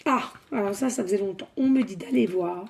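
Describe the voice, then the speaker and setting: A woman doing a spiritual card reading, excitable and thinking out loud as she draws cards. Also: mid-range voice, fairly quick, creaky. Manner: excitable, thinks aloud, breaks into song. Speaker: tarot card reader.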